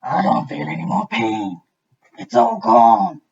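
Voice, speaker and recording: Big snappy crocodile for a picture book , played by a woman: booming, drawn-out lines, rough-edged tone, dull lo-fi sound. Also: very animated, exaggerated voice. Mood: relieved. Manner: loud, drawn-out, emphatic delivery. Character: big selfish snappy male crocodile, later grateful.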